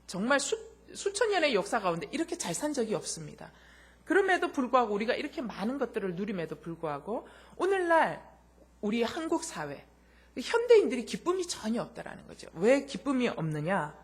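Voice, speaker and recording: A woman's voice: a little high, very animated, a little fast, slightly rough. A woman pastor preaching a sermon, speaking straight to the congregation with rhetorical questions and acting out the voices in her anecdotes.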